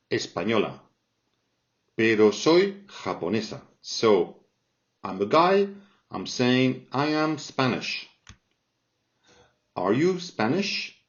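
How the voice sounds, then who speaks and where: A man teaching a Spanish grammar lesson in English, explaining slowly and patiently and checking in with "all right?" after each point. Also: mid-range voice. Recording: dull lo-fi sound.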